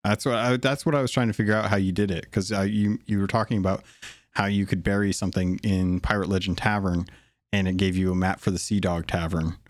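A man hosting a podcast, chatting in an easygoing, relaxed way about a video game. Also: sits low, brisk, dry recording, clean studio sound. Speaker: podcast host. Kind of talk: casual gaming podcast chat.

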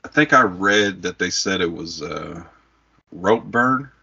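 A man's voice: sits low, animated, slow, creaky, bright, forceful tone, slightly rough. A middle-aged man hosting a podcast, chatting casually about sports. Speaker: podcast host. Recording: dull lo-fi audio.

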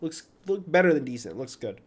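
A man's voice: medium pitch, sing-song, fairly quick. A man co-hosting a casual gaming podcast while sick with a cold, reading game listings and adding dry sarcastic remarks. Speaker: podcast co-host.

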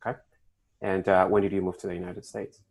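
A very deep-voiced man hosts an interview podcast, framing questions in a measured way. He pauses often with filler sounds as he introduces his guest. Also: little pitch movement, a little mellow, low-quality recording. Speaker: podcast host.

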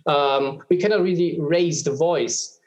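A man speaks as a guest expert, explaining things patiently and often pausing on filler ums and restarts. His voice sits a little high. The recording has a noticeably roomy echo. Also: a little mellow. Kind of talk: explanatory conversation.

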